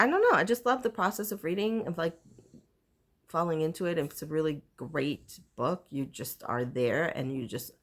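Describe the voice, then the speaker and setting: Low-voiced woman chatting about books. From Puerto Rico. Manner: rambling, self-interrupting, many fillers. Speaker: booktuber. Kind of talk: casual chat to camera.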